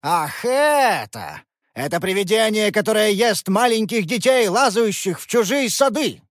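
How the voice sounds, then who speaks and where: A woman voicing a gruff, angry old man of grandfather's age who growls and scolds in an audiobook. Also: medium pitch, sing-song, a little slow, no echo, clean studio sound. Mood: mocking. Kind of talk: audiobook character voice.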